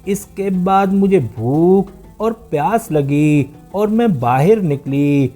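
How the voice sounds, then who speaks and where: A man voicing a frightened female duck telling her tale in a measured storybook reading that slows at sentence ends. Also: fairly high pitch, animated, dark tone, faint music behind, close to an everyday voice. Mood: fearful. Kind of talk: storybook narration.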